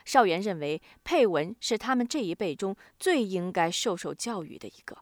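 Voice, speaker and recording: A woman narrating a novel chapter as a scripted audiobook, switching her pitch for each family member in the dialogue. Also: moderate pace, dry recording, studio quality. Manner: voices the family's dialogue with lively pitch shifts.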